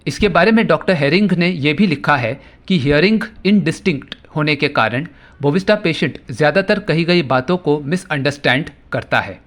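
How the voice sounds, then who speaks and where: A man teaching homeopathy, reading out each term slowly and deliberately before he explains it. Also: a little high, lively intonation, a bit bright. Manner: reads terms out slowly and deliberately. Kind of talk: slow explanatory lecture.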